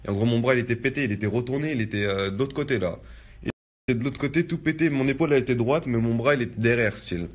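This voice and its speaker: A young man with a mid-range voice speaks very quickly as he casually recounts a personal ordeal, his street-slang testimony full of "en gros."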